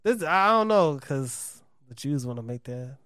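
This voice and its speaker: A man's voice: fairly high pitch, animated, measured pace, fairly bright tone. A man in a casual chat, talking hesitantly with many filler words.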